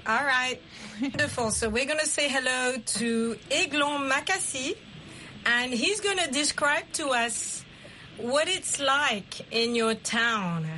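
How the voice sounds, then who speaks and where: Middle-aged woman hosting, slow teacher-ish prompting, bright voice. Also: high voice, a little hiss or hum, poor audio. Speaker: host. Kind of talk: English practice call.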